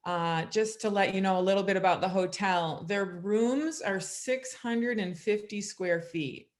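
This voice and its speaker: A woman speaks as a guest on a video call, pitching a trip with eager enthusiasm. She talks in a steady, confident selling tone. Her voice sits at an ordinary pitch for a woman. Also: a little slow. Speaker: guest tour operator. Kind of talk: promotional presentation.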